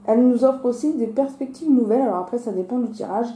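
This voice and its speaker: A woman's voice: a little high, quick pace, warm tone. A woman with a slushy lisp on her s sounds, hosting a casual, explanatory card reading. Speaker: host of a weekly card-reading video. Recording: roomy, echoing sound.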